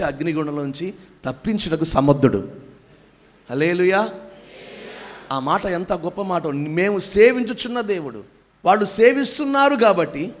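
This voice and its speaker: A man preaching a sermon as pastor, pressing the congregation with questions and urging them to praise aloud. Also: fairly high pitch. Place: church hall.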